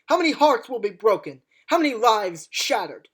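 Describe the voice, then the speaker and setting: A woman's voice: medium pitch, sing-song, measured pace. A woman playing an impassioned war veteran pleading for peace in a theatrical, rousing dramatic monologue. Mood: impassioned, anguished. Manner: theatrical, swinging from hushed to shouted. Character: impassioned, unforgiving-yet-forgiving time-traveller war veteran pleading for peace.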